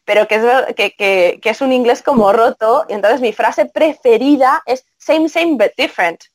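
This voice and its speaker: Woman, Spain Spanish accent, fairly high voice, animated, guest on a podcast. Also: moderate pace. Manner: animated, acts out quoted dialogue. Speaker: guest, translator. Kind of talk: casual podcast chat.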